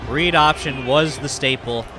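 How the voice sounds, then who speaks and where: A man's voice: mid-range voice, unhurried, music in the background. A young man with a stuffy, nasal voice from a cold, giving casual commentary as he plays a football video game. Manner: chatty, excited during play. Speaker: gaming YouTuber.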